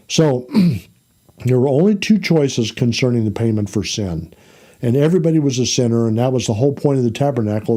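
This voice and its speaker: Male Bible teacher, mellow low-toned voice, conversational lesson delivery, checks in with the class as he goes. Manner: explains plainly, checks in with the class by asking "okay?" and "all right?"; unhurried, with frequent fillers and self-corrections.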